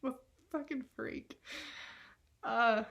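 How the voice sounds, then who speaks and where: A woman's voice: fairly high pitch, steady tone, slow, gravelly, highs cut off. A young woman rambling in a tearful confessional vlog, swearing often and laughing at herself through tears.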